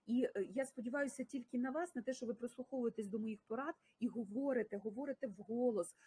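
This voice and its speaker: Ukrainian-accented woman teaching english on a stream, kinda high and breathy voice, cheers students on. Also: fast talker. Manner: lively, mixes Ukrainian and English, praises students by name. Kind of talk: online livestream language lesson.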